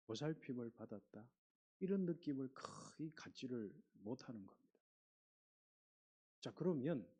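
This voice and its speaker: A man's voice: mid-range voice, slightly rough. A male pastor giving a sermon, reading scripture aloud and putting questions to the congregation. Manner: animated preaching, reads scripture aloud, asks the congregation questions.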